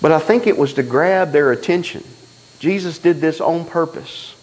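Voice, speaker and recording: A man preaching a sermon in a church, telling stories in a folksy, animated way and acting out the dialogue. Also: fairly high pitch, moderate pace, poor audio. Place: church sanctuary.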